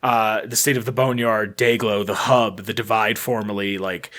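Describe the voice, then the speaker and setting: A man's voice: on the low side, fairly even intonation, normal speed, fairly bright tone. A young American man co-hosting a podcast, reading game lore aloud with rambling, self-deprecating asides. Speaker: podcast co-host.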